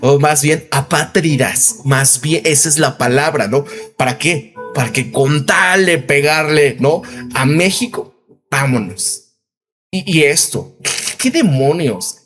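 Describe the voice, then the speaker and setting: A man's voice: fairly high pitch, animated, slow pace, a bit bright, soft background music. A Mexican man in his thirties hosting a casual commentary video, rambling and tossing in tag questions. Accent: Mexican Spanish. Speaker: commentary channel host.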